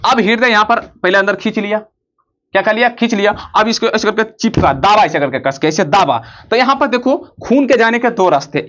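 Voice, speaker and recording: A man's voice: sits high, fairly bright tone, dull audio. A man teaching a school biology lesson, drawing as he explains. He asks the class questions and answers them himself, repeating the key words. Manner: drawing on a board while explaining. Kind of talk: classroom lesson on heart and blood flow.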